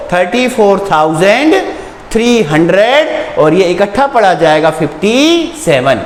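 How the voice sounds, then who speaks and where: A man teaching a math lesson to young children. He speaks, repeats each term patiently, and asks questions that he answers himself. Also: high voice. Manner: patient, asks and answers his own questions, repeats terms, calls students "beta". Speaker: school teacher. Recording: echoey room with long reverb, faint background noise.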